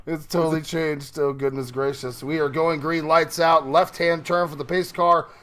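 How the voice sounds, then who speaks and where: A man calls a live online race beside his partner, teasing and joking as he goes. His voice sits a little higher than most men's. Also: flat delivery, moderate pace, fairly bright tone. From Eastern Kentucky. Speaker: co-commentator. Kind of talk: live sim racing commentary.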